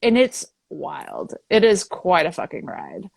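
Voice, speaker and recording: A woman's voice: on the low side, huge pitch swings, measured pace, vocal fry, no room sound, clean studio sound. A woman in her thirties, a musician guest on a podcast, talking frankly and swearing casually. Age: 30s. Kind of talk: casual interview chat.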